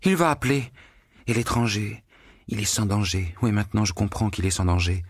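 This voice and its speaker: A man voicing an exultant young woman newly turned witch, crying out loudly with a hoarse edge. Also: lowish voice, a little fast, no echo, clean studio sound, voice pushed up. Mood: dreamy. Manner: loud and hoarse cries.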